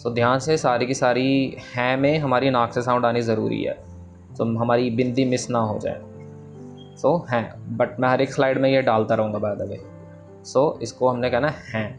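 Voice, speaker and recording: A young man teaching scripture pronunciation over slides, patiently breaking words apart and repeating them slowly, with English words mixed in. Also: medium pitch, flat delivery, faint music behind. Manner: mixes English words into instruction.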